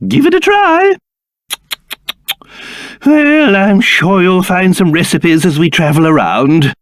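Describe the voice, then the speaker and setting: An actor playing a pompous, fussy old king turned into a small monster in a video game, with a British accent and a theatrical, excitable delivery. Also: sits high, slow, no echo, studio quality. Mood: encouraging.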